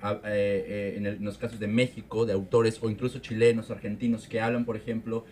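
A man's voice: on the low side, flat delivery, fairly quick, darkish tone. A man speaking as an interviewer in a conversational discussion, explaining a point informally.

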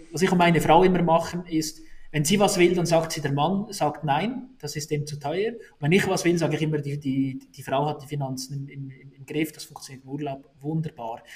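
A man's voice: fairly high pitch, darkish tone. A man, answering interview questions in a casual way, often restarting and repeating words while he thinks. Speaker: negotiation expert guest.

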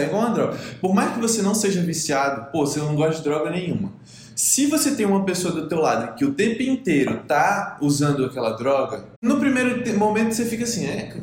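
A Brazilian man co-hosting a casual chat, calmly explaining and giving advice. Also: sits high. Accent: Brazilian Portuguese. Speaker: podcast co-host. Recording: roomy echo, faint noise.

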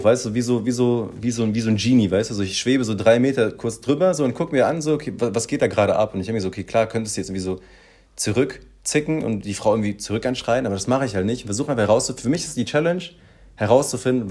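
A man telling an everyday story in casual chat, animated and full of fillers, acting out the people he quotes. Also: medium pitch, fast.

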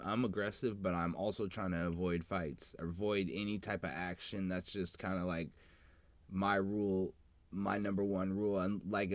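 A man's voice: fairly low pitch, fairly bright tone, no room sound. A man in casual podcast chat, talking in a slangy, profane, bro-ish way. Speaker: podcast host.

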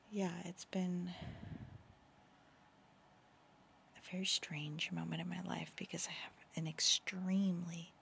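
A woman's voice: lowish voice, creaky, a bit bright, a little hiss or hum. A woman in her thirties whispering a podcast at home late at night, yawning often as babies sleep beside her. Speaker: podcast host and author.

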